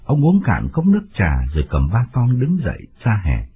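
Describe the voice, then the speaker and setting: Guy reading a story aloud, really swoopy lowish voice, phone-line tinny, soft music. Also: moderate pace, slightly rough. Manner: expressive storytelling. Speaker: narrator. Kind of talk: audiobook story narration.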